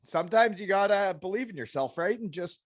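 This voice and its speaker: A middle-aged man hosts a podcast in a lively, swooping voice pitched a little high. He chats informally and bluntly, encouraging his guest, with a close, dry sound. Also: fairly quick, dry recording. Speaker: podcast host, former hockey player. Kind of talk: casual chat.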